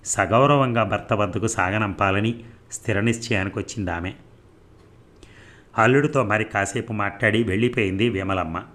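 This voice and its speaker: Low-voiced man narrating a novel. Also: fairly bright tone. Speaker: audiobook narrator.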